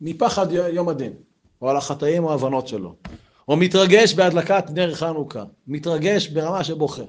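A man, giving an informal Torah talk full of personal stories and rising to loud, animated bursts. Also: fairly high pitch. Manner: animated storytelling, voice swells when excited. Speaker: religious lecturer.

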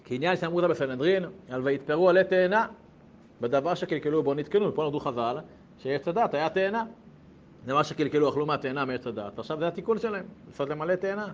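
Animated man teaching a Torah class. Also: a little high. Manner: animated, rising to loud emphatic exclamations. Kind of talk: Torah lesson reading and explaining a text. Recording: dull lo-fi sound with faint background noise.

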